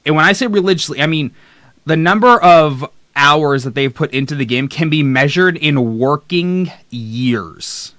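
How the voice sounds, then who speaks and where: Young man, casual streamer, bright voice, dry close mic sound, offhand and rambling. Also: a little high, moderate pace, no room sound. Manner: rambling, offhand, reads chat aloud. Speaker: streamer host. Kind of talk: casual live-stream chat. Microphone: desk mic close up.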